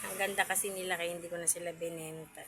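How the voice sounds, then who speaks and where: A woman's voice: fairly low pitch, level tone, fast. A woman vlogging casually at home about her cats, chatty and cooing baby talk at the kittens.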